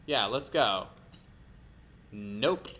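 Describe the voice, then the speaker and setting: A man's voice: fairly low pitch, animated, drawn-out words, bright, forceful tone. A man playing a card game aloud, explaining his moves in a playful way and laughing often. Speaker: player.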